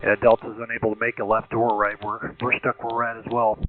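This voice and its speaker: Quick-talking airline pilot on tinny radio, man. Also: on the low side, completely flat delivery, crowd noise. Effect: radio transmission. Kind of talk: air traffic control radio exchange. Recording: tinny narrow-band cockpit radio.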